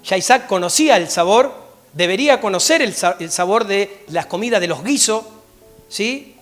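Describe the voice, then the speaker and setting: A man with an Argentine accent preaching a sermon and reading Bible verses aloud, often checking in with a quick "¿sí?". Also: high-pitched, faint music behind. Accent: Argentine Spanish. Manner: animated, often checks in with a rising "¿sí?". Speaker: pastor. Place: church.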